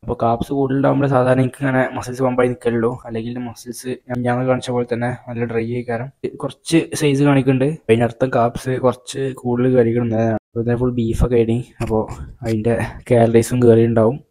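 A man's voice: mid-range voice, little pitch movement, quick pace, mellow. A young man narrating a casual bodybuilding vlog in a matter-of-fact way, recorded on a phone camera in a small room at home. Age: young adult. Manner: matter-of-fact, talks through his diet and training plans. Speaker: bodybuilding vlogger.

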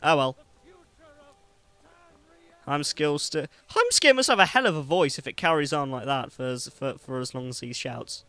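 A man's voice: fairly high pitch, lively intonation, moderate pace, pauses often, pushed and bright, smooth, no echo. A young man chatting through a video game, joking and talking back at the characters. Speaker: gameplay commentator. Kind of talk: let's play commentary.

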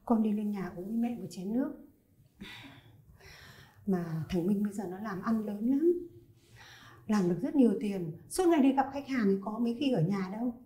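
An actress playing a kind older mother-in-law and grandmother, with a gentle, coaxing manner. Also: mid-range voice, moderate pace, pauses often, natural voice. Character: kindly grandmother, warm forgiving mother-in-law. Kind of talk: web drama acting. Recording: echoey room with faint music.

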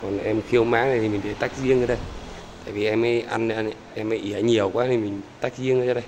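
A man's voice: on the low side, fairly even intonation, quick pace, darkish tone, a little hiss or hum. Chatty man talking to his viewers. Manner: chatty, repeats "there" often, talks to viewers. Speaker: bird-keeping vlogger. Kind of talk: casual talk to camera viewers.

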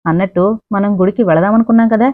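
A woman voicing a playful, pampered rich young woman who talks in a lively, teasing way. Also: medium pitch, fast, no echo, close to an everyday voice. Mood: curious. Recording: dry, narrow phone-like sound.

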